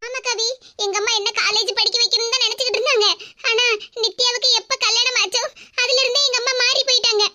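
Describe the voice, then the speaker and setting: A woman's voice: very high-pitched, steady tone, fast talker, noisy background. A woman voicing a tearful young college girl who speaks with a Kanyakumari Tamil accent, in a plaintive, sorrowful way. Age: young adult. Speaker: college student. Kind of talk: animated cartoon dialogue.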